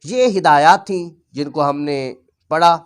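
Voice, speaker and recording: A male Quran teacher explaining a reading lesson patiently, repeating each rule and sounding out letters slowly. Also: fairly high pitch, clear, resonant tone.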